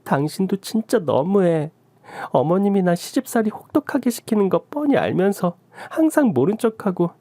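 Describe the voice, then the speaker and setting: A woman's voice: mid-range voice, sing-song, normal speed, dark tone, no echo. A woman voicing a fed-up young daughter-in-law who reproaches her husband in a radio drama. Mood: reproachful. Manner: pleading and reproachful.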